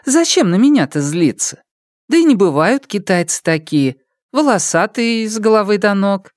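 A warm, earthy village mother with a teasing, coaxing lilt, as a man puts her on. The voice sits well above the reader's own and rises and falls freely. It is dry and close, read for an audiobook story. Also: sing-song, moderate pace, dry recording. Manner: teasing, coaxing, raised higher voice.

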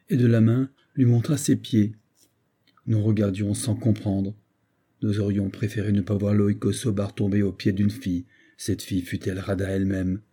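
A man narrating an old story as an audiobook in a measured, even way. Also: fairly low pitch, breathy edge. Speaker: reader.

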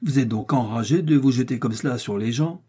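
A man reading an audiobook, voicing a vain, stubborn giant of a male musketeer who blusters gruffly. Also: medium pitch, a little fast, mellow, natural voice. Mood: annoyed.

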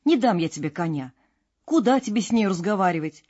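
A man's voice: sits high, animated, fairly quick, a little mellow, no echo. A woman playing a stern, scolding old father. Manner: gruff, scolding. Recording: dull lo-fi with faint music.

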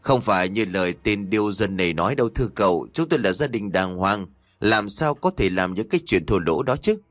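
Man voicing a pompous old rich man, bossy, low voice, lively swings in pitch. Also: a little fast, no echo, clean studio sound. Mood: defensive. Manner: shouting, bossy.

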